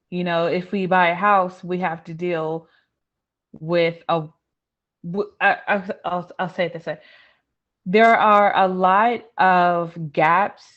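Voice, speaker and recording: A woman's voice: fairly low pitch, lo-fi sound. An American woman in a casual group discussion, talking in a thoughtful, hesitant way and often correcting herself.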